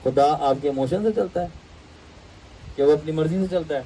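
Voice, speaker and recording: A man teaching a Bible class, animated and storytelling, mixing English phrases into his talk. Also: on the high side, distant mic, slight background noise, rough recording. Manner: animated, acts out voices in anecdotes; mixes English phrases into Urdu.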